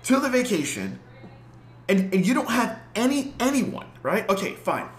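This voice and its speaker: A middle-aged man with a fairly high voice tells a story in an animated way. He repeats words when he wants to stress a point. The room around him sounds echoey. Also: normal speed. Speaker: clinic co-owner, podcast guest. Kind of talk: casual conversation.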